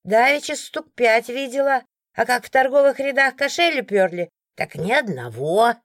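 Indignant elderly townswoman, complaining loudly, as a woman narrator puts her on. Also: a little high, expressive, moderate pace, no room sound, clean studio sound, natural voice.

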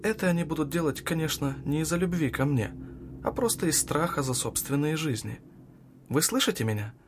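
A man voicing a defiant, unhinged young woman who mocks and shouts with hatred. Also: lively intonation, brisk, a little hiss or hum, close to an everyday voice. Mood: fierce. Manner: mocking, shrill, shouting at times.

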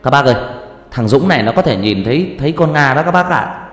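A man voicing an urgent young man, calling out excitedly. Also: medium pitch, a little fast, roomy sound, in a large hall, voice pushed up, natural voice. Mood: eager.

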